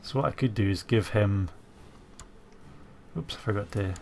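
The speaker is a male gaming host with a stuffy cold, musing over a strategy game with plenty of fillers as he types on his keyboard. His voice is lowish, creaky and a little mellow, at a moderate pace, with slight background noise.

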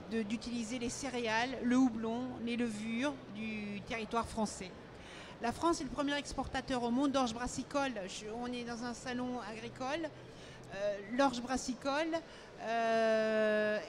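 A middle-aged woman who founded a brewery explains her ingredients, pausing often as she goes. Her voice sits slightly high, and the fair's noise is clearly audible behind her handheld mic. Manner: explanatory, hesitant with fillers. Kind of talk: casual interview at a trade fair. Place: trade fair stage, indoors.

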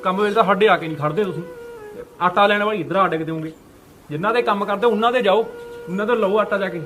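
A man's voice: high voice, fast talker, fairly bright tone, faint music behind. A man with a Punjabi accent acting as a harsh, stingy farmer and father who scolds a poor man in a short film. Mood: scornful. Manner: scornful, scolding.

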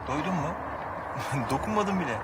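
An actor playing a caring young husband. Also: male voice, a little high, lively intonation, moderate pace, heavy background noise, close to an everyday voice. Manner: gentle, attentive, earnest. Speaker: husband and father. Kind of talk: TV drama acting.

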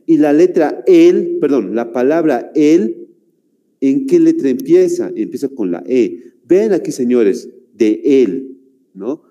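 Man, classroom teacher, slow, deliberate delivery, keeps checking in with the class, dark voice, reverberant room. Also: medium pitch, animated, muffled recording. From Bolivia. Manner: slow, deliberate, repeats phrases, keeps asking "¿no?". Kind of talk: classroom grammar lesson.

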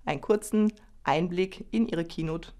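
A woman's voice: fairly low pitch, normal speed, warm tone. A young woman introducing a scripted university video, recorded in a studio. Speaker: university staff, presenter.

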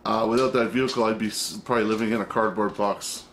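A man's voice: on the low side, fairly even intonation, quick pace, a bit bright, a little hiss or hum. A middle-aged man hosting his own channel, chatting loosely to camera at home, rambling and self-interrupting, with the odd curse word. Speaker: vlog host. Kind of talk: casual chat to camera. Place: at home, indoors.

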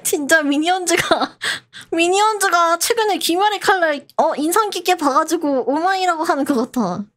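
A woman's voice: extremely high pitch, lively intonation, normal speed, fairly bright tone. A woman chatting casually and playfully as she streams a game. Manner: playful, giggly. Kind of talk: casual gameplay chat.

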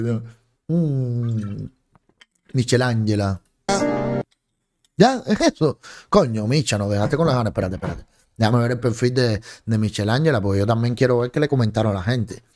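A man's voice: mid-range voice, normal speed, darkish tone. A young man with a Cuban accent hosts a livestream from a lit-up home room. He talks close to a large studio microphone. His tone is mocking and scolding, full of sarcastic jabs. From Cuba. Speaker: political commentary streamer. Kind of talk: livestream commentary. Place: home streaming room with colored lights. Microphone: large studio mic on a boom in front of face.

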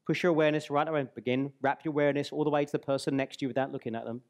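A man in his forties giving a live seminar on a hall stage into a headset mic, guiding the audience through an exercise and slowing on key words. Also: medium pitch, fairly even intonation. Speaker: speaker and trainer.

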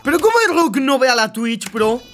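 A young gaming YouTuber from Spain, with a Spanish accent, reacts to gameplay clips in excited commentary, exclaiming, laughing and swearing as he goes. His voice is very high-pitched, brisk and sharp, with faint music behind.

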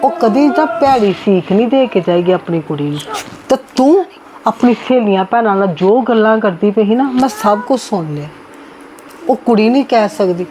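A woman's voice: mid-range voice, lively intonation, moderate pace, background noise, natural voice. A woman playing a stern mother-in-law who scolds and demands answers in a family drama skit. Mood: scolding. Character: stern mother-in-law, scolding and proud of her elder daughter-in-law.

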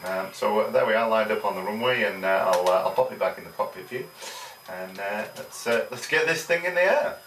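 In a small home room with a desk and computer, a middle-aged man reviews a product casually, talking fairly quickly in a fairly low, fairly bright voice. He rambles with plenty of fillers, and the distant camera audio is roomy with a faint hiss.

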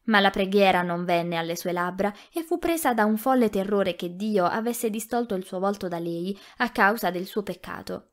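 A woman reading a novel aloud as an audiobook narrator, in a measured, expressive way. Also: medium pitch. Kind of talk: scripted narration.

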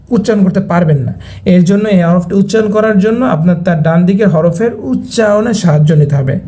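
A Quran reading teacher from Bangladesh giving a recorded online lesson, patiently explaining each rule and then spelling out syllables slowly, repeating every point. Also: mid-range voice, mellow.

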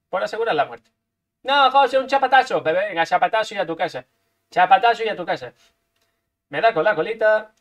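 A man from Spain, commentating his own gameplay live, playful and full of repeated sound effects. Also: high-pitched. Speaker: gaming streamer.

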